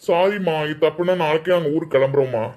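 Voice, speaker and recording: A man's voice: a little high, quick pace, darkish tone, dull audio, lightly acted. A man voicing a cheerful young adult son in a cartoon, who pleads with and coaxes his mother, with a Tamil Nadu accent. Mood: pleading. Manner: coaxing, pleading, playful. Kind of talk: cartoon voice acting.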